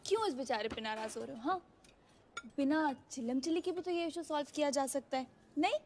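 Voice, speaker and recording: A woman dubbing a film role as a spirited, impulsive young woman who speaks forcefully. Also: high-pitched, fairly quick, slight background noise. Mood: defiant. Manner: forceful, pushy, rising to outbursts. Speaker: daughter who runs a cafe. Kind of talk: Hindi film dub. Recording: film soundtrack with music behind. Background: film score.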